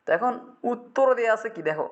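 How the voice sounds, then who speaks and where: A man's voice: very high-pitched, expressive, fast, muffled recording. A male English teacher from Bangladesh drilling vocabulary in a classroom, repeating words and quizzing his students.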